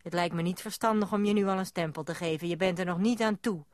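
Woman playing a brisk, patronizing grown-up official. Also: fairly low pitch, no echo, close to an everyday voice.

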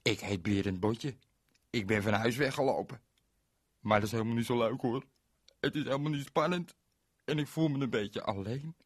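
A man's voice: mid-range voice, normal speed, long pauses, husky, dry recording, clean studio sound, natural voice. A man doing a sulky young runaway boy. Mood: glum.

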